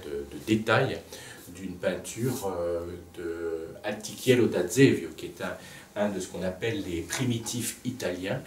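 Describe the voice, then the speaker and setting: A man's voice: low-pitched, far from the mic. Guy teaching music, stops and restarts a lot, roomy sound, faint hum behind. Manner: halting, with many restarts and filler sounds. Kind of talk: explanatory lesson. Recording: echoey room, speaker off-mic.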